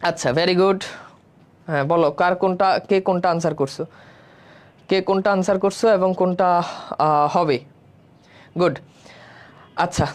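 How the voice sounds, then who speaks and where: Man teaching a live online exam-prep class. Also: sits high. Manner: explains step by step, often checks in with students; mixes English words into speech.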